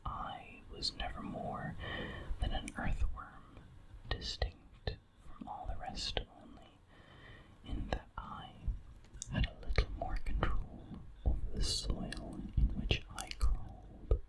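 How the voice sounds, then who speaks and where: Very slow ASMR whisper right in your ear. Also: rough recording. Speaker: narrator reading a horror story. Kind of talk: whispered ASMR story reading. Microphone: very close ear-to-ear ASMR microphone.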